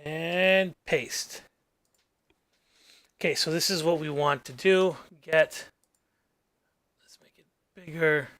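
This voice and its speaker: A native English-speaking man hosts a gaming channel and mutters his way through casual screen-recording commentary, rambling and trailing off. His voice sits a little high and has a fairly bright tone. He speaks slowly with long pauses, captured in a dry recording.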